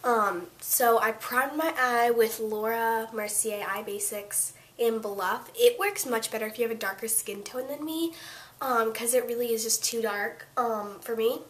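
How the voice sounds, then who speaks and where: A woman's voice: on the high side, measured pace. Stuffy-nosed teenage girl rambling through a tutorial. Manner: rambling, chatty, full of fillers and self-corrections. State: congested from a cold. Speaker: beauty vlogger. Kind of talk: casual makeup tutorial.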